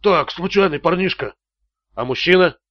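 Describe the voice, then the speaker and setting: A man's voice: sits high, animated, normal speed, no room sound, lo-fi sound. A man voicing a beaten, panicking male swindler who whines and gasps his answers. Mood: moaning.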